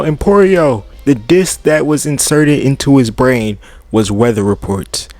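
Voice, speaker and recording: A young man giving casual anime commentary, animated and slangy, swearing freely as he tells the story. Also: mid-range voice, no echo.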